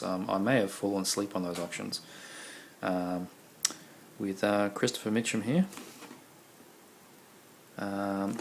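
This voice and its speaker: A gravelly, low-sitting male voice leads a casual show-and-tell of a video collection. He rambles with lots of ums and uhs, his voice is going, and there's noise throughout the home recording.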